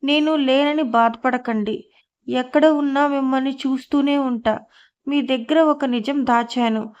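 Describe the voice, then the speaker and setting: A woman voicing a sorrowful, resigned young woman confessing in a farewell letter, in a Telugu audio story. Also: high-pitched. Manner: sad confessional reading. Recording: dull lo-fi audio.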